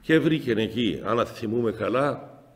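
A middle-aged man with a Cypriot Greek accent, a bishop telling stories in a spiritual talk, swinging between loud exclamations and soft asides. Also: medium pitch, lively intonation. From Cyprus. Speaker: metropolitan bishop. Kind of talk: spiritual talk answering the faithful. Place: chapel. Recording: long chapel reverb.

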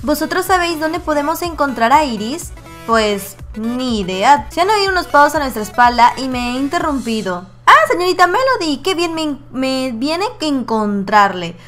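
A woman's voice: sits high, animated, normal speed, a bit bright, faint music behind. A young woman, reading a dating game's lines aloud and chatting playfully about them. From Mexico. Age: 20s. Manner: playful, voices the characters, laughs often. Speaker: gaming YouTuber.

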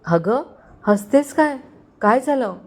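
A woman's voice: fairly high pitch, lively intonation, takes it slowly, a little mellow, pitched above the performer's own voice. A woman voicing a kindly older male family servant who speaks tenderly and pleads with a fatherly tone. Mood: anxious.

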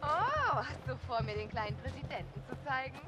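High, animated playful young woman, music behind. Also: a little fast. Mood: teasing. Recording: loud music over the voice.

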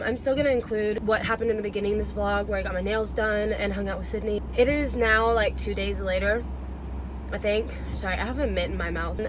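A woman's voice: mid-range voice, background noise. A young woman vlogging in a chatty, rambling way, full of "um" and "like". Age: young adult. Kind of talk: casual vlog chat.

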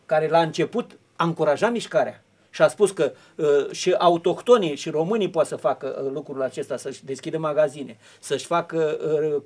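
A man's voice: on the high side, darkish tone. A man on a television talk show, explaining history in long, rambling turns full of fillers and restarts.

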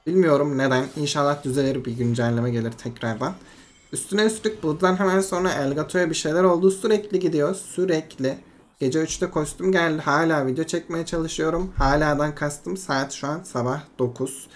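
Narrating their own match live, this streamer keeps the commentary casual and excitable, swinging from annoyance to hype and then coaxing themselves back to calm. They speak briskly in a mid-range voice.

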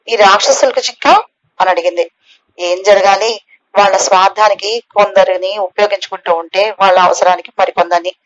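Woman narrating a novel, lo-fi sound. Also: mid-range voice. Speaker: audiobook narrator. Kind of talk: scripted narration of a novel, voicing all characters. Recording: slightly dull, lo-fi recording.

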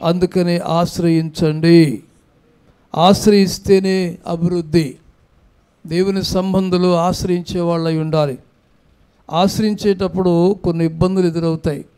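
A man's voice: sits high, fairly even intonation, unhurried, long pauses, mellow, clean tone. A man preaching a sermon as pastor, with an Andhra Telugu accent, urging the congregation to answer aloud into a microphone in a church. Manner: exhorting congregation to respond aloud.

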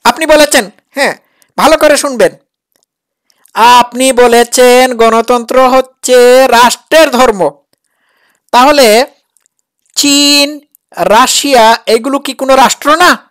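A woman's voice: sits high, takes it slowly, long pauses. A woman giving reaction commentary in a mocking, sarcastic and challenging way. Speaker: critic reacting to a preacher's clip.

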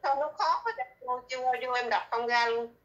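A woman student reading practice sentences in class, halting and hesitant over the words. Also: on the high side, expressive, a bit bright. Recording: dull lo-fi video call audio.

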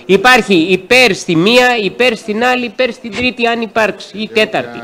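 Slightly high-voiced councillor, hesitant. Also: male voice, lively intonation, bright, forceful tone. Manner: hesitant, with fillers, explains procedure. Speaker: city councillor. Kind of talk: formal council remarks. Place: council chamber.

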